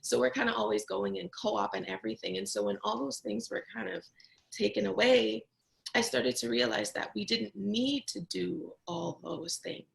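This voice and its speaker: A woman's voice: medium pitch, very animated, normal speed, creaky, rough recording. A homeschooling mother on a panel, chatting casually with lots of "like" and "kinda". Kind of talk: casual conversational sharing.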